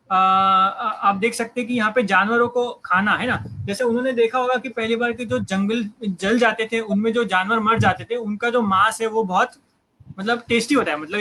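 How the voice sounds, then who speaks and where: Male guest, high bright voice, halting explainer with fillers. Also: slight background noise, rough recording. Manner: hesitant, many fillers and restarts. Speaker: guest biologist explaining evolution. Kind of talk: casual explanatory talk.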